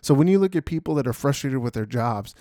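A man's voice: mid-range voice, expressive, quick pace, dark tone, no room sound, clean studio sound. A young man hosting a podcast, talking in a casual, rambling monologue full of "you know" and "right?". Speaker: podcast host.

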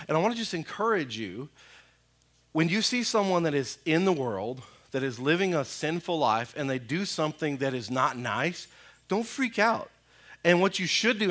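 Pastor in his thirties, bright, slightly high voice, chatty energetic preaching to a congregation. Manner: conversational, energetic preaching with audience asides. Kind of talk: sermon. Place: church sanctuary.

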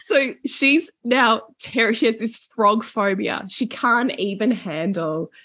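A middle-aged woman, telling holiday stories in a casual chat and slipping into animated voices for the people in them. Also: on the high side, slow pace, no echo, studio quality. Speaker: podcast guest. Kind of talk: casual storytelling.

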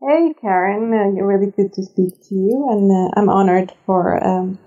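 A woman, a chef guest on a podcast, answering in a measured way with many hesitations. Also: medium pitch, dark tone. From Serbia. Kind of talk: interview answers. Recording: tinny phone-like line.

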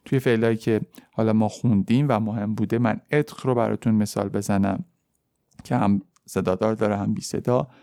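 A man teaching French on a podcast, explaining in Persian and saying the French forms slowly and clearly. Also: fairly low pitch, fairly even intonation, warm tone, dry recording, clean studio sound. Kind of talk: podcast language lesson.

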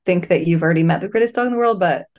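A woman's voice: on the low side, very fast, darkish tone. A woman chatting in an enthusiastic, affectionate way and asking for advice. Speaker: guest asking questions. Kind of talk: casual chat.

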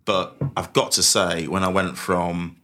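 Here the Manchester-born investment professional, whose Mancunian accent is watered down, speaks in a deep, sharp, flat voice, a little slowly. As a podcast guest in a candid interview, he recounts his life while frequently restating his words.

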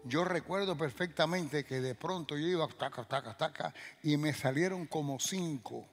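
Animated older preacher in a reverberant hall. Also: male voice, a little high. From Cuba. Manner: animated storyteller with sound effects and acted-out dialogue. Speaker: pastor. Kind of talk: sermon storytelling.

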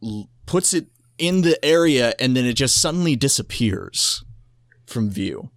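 A man's voice: medium pitch, lively intonation, a little slow, dry recording, studio quality. A man playing a tabletop role-playing game, describing his character's actions as improvised storytelling.

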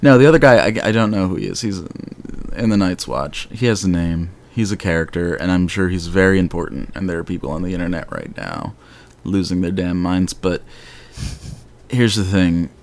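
A man chatting casually as a podcast host, rambling and animated, with the occasional swear. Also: sits low, normal speed. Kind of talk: casual fan discussion.

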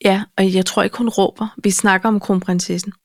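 Casting: woman co-host, wry and teasing, middle pitch, dry close mic. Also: flat delivery, no room sound. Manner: wry, teasing, quick with jokes. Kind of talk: casual chat.

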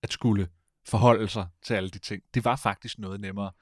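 A man in casual conversation as a podcast host, rambling and animated, often stopping to correct himself. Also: fairly low pitch, no room sound, clean studio sound. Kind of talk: casual chat.

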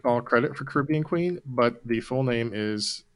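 A man hosting a casual trivia game, explaining answers calmly with some hesitations. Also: mid-range voice, normal speed. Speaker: quiz host.

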